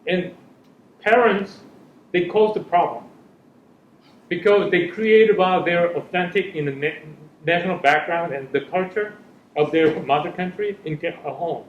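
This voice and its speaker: Speaking a little slowly in a high-pitched voice, a middle-aged Korean-speaking parent serves as a panelist, earnestly reaching for words in a second language. The school hall or room is echoey, and the slightly dull recording carries a little hiss or hum.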